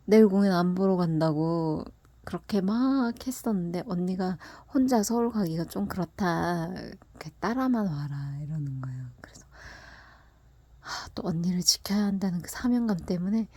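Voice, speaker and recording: A woman telling a personal story in a casual, soft, half-whispered way, often breaking into laughs. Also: on the low side, expressive, normal speed, no echo. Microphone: close mic, voice only.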